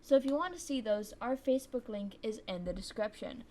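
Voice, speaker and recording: A woman's voice: fairly high pitch, lively intonation, brisk, mellow. A woman narrating a scripted storytime in an upbeat, playful way. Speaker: guest storyteller.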